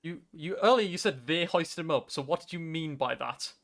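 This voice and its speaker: Chatty, excitable male game streamer. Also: on the high side. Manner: chatty, excitable, quick asides. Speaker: gaming streamer. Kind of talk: let's-play commentary.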